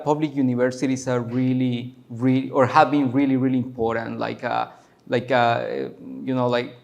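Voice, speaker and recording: A man in his forties from Guatemala, a curator giving a loose, chatty talk full of fillers and restarts at a university. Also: mid-range voice. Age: 40s. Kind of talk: casual public talk. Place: university lecture room.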